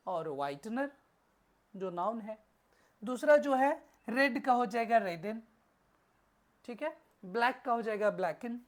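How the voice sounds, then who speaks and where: A woman with an Indian accent teaching an exam-prep grammar lesson, asking questions and answering them herself and spelling out words letter by letter. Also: a little high.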